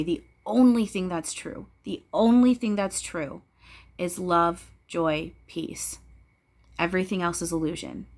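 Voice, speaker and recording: A woman's voice: on the low side, a bit bright. A woman giving a casual spiritual talk to viewers, blunt and preachy, swearing freely and repeating phrases for emphasis. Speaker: spiritual channeler speaking to viewers.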